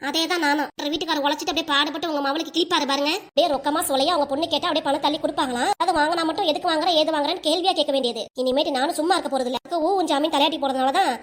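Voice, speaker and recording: A woman's voice: high voice, steady tone, very fast, few pauses, close to an everyday voice. A woman voicing an aggrieved young wife in a cartoon, complaining and defiant toward her mother-in-law. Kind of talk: cartoon voice acting.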